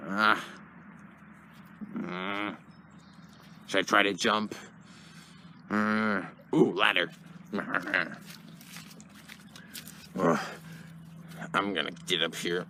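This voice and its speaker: A man's voice: sits low, fairly even intonation, drawn-out words, pauses often, pushed and bright, a little hiss or hum, full character voice. A man voicing a boastful, mischievous plush toy who giggles to himself. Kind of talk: plush toy puppet skit.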